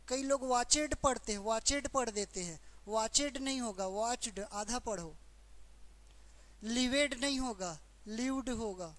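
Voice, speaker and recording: Hindi-accented lady teacher going over verbs real slow, kinda high voice, keeps asking then answering herself. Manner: slow, repetitive explaining with questions to students. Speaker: English teacher. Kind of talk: exam-prep grammar lesson.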